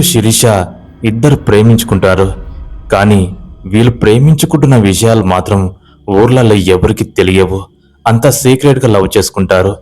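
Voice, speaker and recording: A man narrating a horror story in a steady, dramatic way. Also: fairly low pitch.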